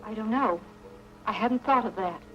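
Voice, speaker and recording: An actress playing a banker's young daughter, sharp and wary with intruders. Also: female voice, a little high, normal speed, close to an everyday voice. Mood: unsure. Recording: dull old TV soundtrack with music.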